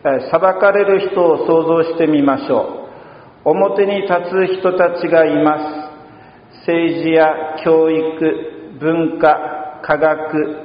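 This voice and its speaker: Unhurried priest preaching in a roomy church. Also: male voice, a little high. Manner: calm, measured preaching with long pauses. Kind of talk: sermon. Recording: dull, roomy church sound from a distance.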